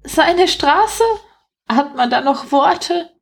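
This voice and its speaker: A woman voicing a cheeky, gossiping male street rat in an audiobook reading, in a high, mocking voice. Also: very slow, gravelly, exaggerated voice. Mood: indignant. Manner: indignant, mocking, high squeaky voice.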